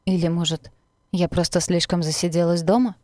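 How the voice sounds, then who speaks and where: A woman reading a first-person novel aloud as an audiobook narrator, with expressive, even delivery. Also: on the low side, brisk, dry recording.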